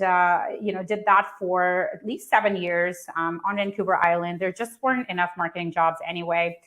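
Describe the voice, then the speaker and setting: A woman's voice: medium pitch, fairly bright tone. A woman in her thirties from Pakistan, telling her personal story at a startup event in a conversational way with lots of fillers and restarts. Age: 30s. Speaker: founder and speaker.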